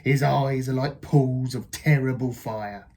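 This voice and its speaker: Brief: a big gruff monster father, put on by a woman reader, slow and booming, husky, storybook. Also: steady tone, a little mellow, full character voice. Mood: ominous.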